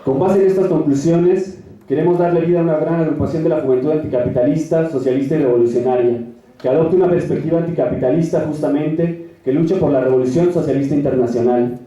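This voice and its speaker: A man's voice: on the high side, fast talker, mellow. A young man delivering a formal, declamatory political speech as a youth activist at a rally. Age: young adult. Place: large echoing hall at a rally. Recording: echoey hall, distant mic, dull sound.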